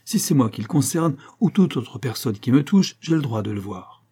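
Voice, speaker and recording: A man's voice: mid-range voice, sing-song, normal speed, dark tone, breathy edge, voice pushed up. A man reading an audiobook, voicing a proud, hot-tempered young country squire in raised, urgent outbursts. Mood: frantic.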